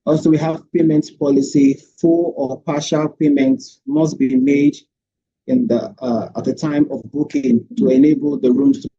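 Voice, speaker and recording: A man presenting his capstone project over an online meeting, heard through screen-recorded call audio, walking through his slides with frequent hesitant pauses. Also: on the high side, breathy edge, dull audio. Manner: steady walkthrough with frequent hesitant "um"s. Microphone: computer or headset mic on a video call.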